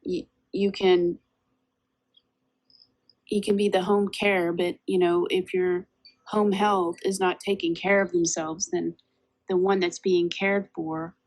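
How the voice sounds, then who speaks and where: A woman's voice: lowish voice, little pitch movement, slow pace, darkish tone, rough recording. A woman co-hosting a casual spiritual podcast, talking in a reflective, meandering way, a little lispy from a retainer. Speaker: podcast co-host.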